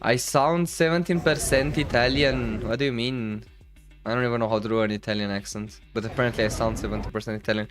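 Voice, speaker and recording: A man's voice: mid-range voice, steady tone, quick pace, music in the background. A young man from the Balkans chatting casually on a stream over vlog footage, rambling with lots of fillers and laughing easily. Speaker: streamer host.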